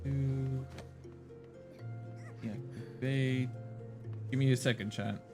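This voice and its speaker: A man's voice: medium pitch, normal speed. Brief: casual male game streamer, rambling and jokey, music playing behind. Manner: rambling, laughing, swears offhand. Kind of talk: casual live-stream chat.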